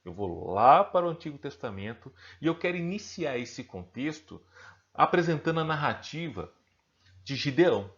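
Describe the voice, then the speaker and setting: A man's voice: on the high side, very animated, moderate pace, a bit bright, dull audio. A man with a Brazilian accent teaching a recorded online lesson. He poses questions to himself, answers them, and keeps checking in with the viewer. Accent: Brazilian Portuguese.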